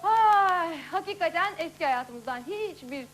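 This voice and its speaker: A woman's voice: extremely high pitch, lively intonation, a little slow, heavy background noise. A woman hosting a casual live TV show, chatting, laughing and reading out viewer faxes. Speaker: TV show host.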